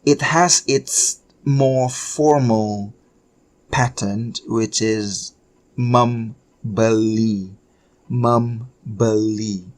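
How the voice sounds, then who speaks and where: A man's voice: medium pitch, extremely slow. A man with an Indonesian accent teaching a language lesson patiently, repeating words and spelling them out letter by letter. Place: Bali.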